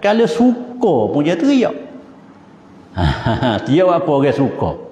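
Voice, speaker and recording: With a Patani Malay accent, a religious teacher from southern Thailand lectures informally in a mosque hall, explaining in a chatty way and occasionally chanting verses. His voice is a little high and dark in tone, moving slowly with huge pitch swings. The echoey, dull lo-fi recording carries a little hiss or hum.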